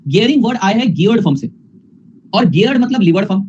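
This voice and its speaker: A man's voice: sits high, very animated, fast talker, a little mellow, muffled recording, a little hiss or hum. A man teaching an online finance class, repeating formulas and calling his students "beta", with a teasing manner.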